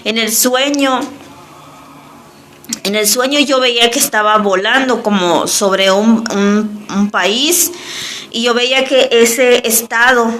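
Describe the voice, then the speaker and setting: A woman gives an earnest spoken testimony, pitched somewhat high for a woman. She talks haltingly, restarting and repeating phrases as she goes. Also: fairly even intonation, fairly bright tone, slight background noise. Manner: repetitive, halting, many restarts.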